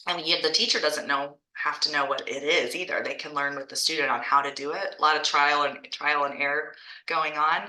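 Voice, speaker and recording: Woman presenter, low pitch, very bright and forceful tone, chatty, echoey room on a video call. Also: fairly even intonation, brisk. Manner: chatty, enthusiastic, restarts phrases. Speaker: art school franchise founder and teacher.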